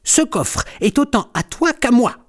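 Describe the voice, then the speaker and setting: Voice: medium pitch, sing-song, moderate pace, voice pushed up. A storyteller voicing a bossy little girl kitten who protests indignantly in a storybook. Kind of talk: storybook reading.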